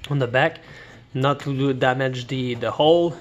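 A man whose first language is not English, casually walking through a kayak he holds the camera over, talking haltingly with many fillers and restarts. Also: medium pitch, dull audio. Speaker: kayak reviewer. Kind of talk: casual product walkthrough. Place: indoors beside a kayak, camera in hand.

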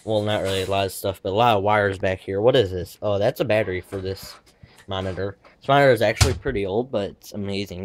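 There's a little hiss or hum behind this lowish-voiced teenage boy, who lisps slightly from his retainer. Filming handheld, he casually wanders through a tour of his bedroom gaming setup, correcting himself in offhand asides.

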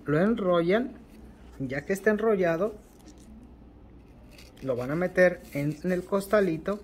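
This spoken tutorial features a Mexican man, an occult ritual instructor with a Mexican Spanish accent and a slightly high voice, demonstrating a ritual step by step. Surrounded by candles and ritual objects on an indoor table, he talks in a repetitive, unhurried way, ending phrases with a questioning "ok", while a faint hiss runs behind.

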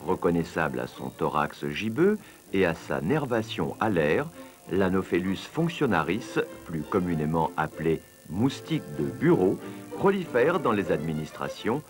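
Deep pedantic mock-documentary narrator man. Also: big pitch swings, normal speed, over music. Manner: pedantic, solemn.

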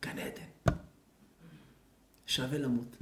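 A man, a rabbi, giving a sermon to a congregation, dramatic and swinging from loud outbursts to near-whispers. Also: a little hiss or hum. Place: community lecture hall. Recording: echoey hall.

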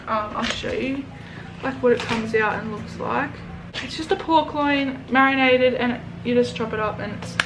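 A young woman with an Australian accent, chatting casually and informally as a vlogger. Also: high-pitched. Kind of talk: casual vlog chat. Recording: echoey room, distant mic, clear noise.

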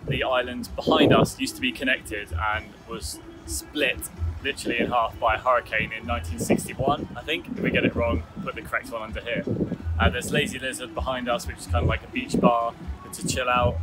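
A man hosting a casual travel vlog outdoors on a tropical island, chatty and relaxed, talking to a handheld camera. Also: medium pitch, a little fast, loud music behind the voice. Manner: chatty, relaxed, self-correcting. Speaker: travel vlogger host.

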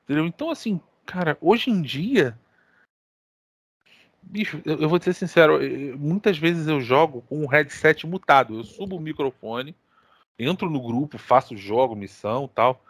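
Brazilian guy on a gaming podcast, chatty and slangy, bit high pitched, super dry close mic. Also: moderate pace, dry recording. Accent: Brazilian Portuguese. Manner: animated, talks with slang and swearing. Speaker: podcast co-host. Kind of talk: casual storytelling chat.

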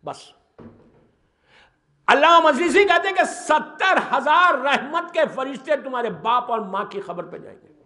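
A male preacher with a very high voice delivers an impassioned sermon to a gathering, slipping English words into his speech. The sound rings around an echoey hall. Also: expressive, pushed and bright.

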